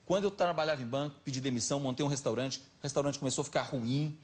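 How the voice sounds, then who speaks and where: A middle-aged man with a Minas Gerais accent, telling anecdotes as a talk show guest in an animated, chatty way. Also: medium pitch, fast. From Minas Gerais, Brazil. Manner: lively anecdotal, animated retelling. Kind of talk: casual storytelling chat.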